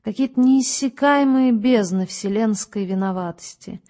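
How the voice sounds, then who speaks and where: Woman doing a calm doctor guy, patient and explaining, mellow warm tone. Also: mid-range voice, lightly acted. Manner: measured, explaining, unhurried. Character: calm, patient male doctor, head of asylum.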